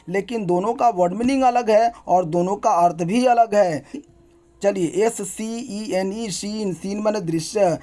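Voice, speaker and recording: Spelling each word letter by letter, a young man runs through an English grammar lesson in a brisk, repetitive, teacher-like manner. His voice is high, with a dark tone.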